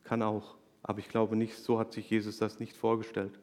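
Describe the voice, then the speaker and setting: A man's voice: lowish voice, completely flat delivery, brisk. Earnest man testifying in a reverberant church. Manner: earnest, confessional, swings from hushed to loud. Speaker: church member giving a testimony. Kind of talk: emotional sermon testimony. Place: church hall. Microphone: handheld microphone. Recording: long church hall reverb.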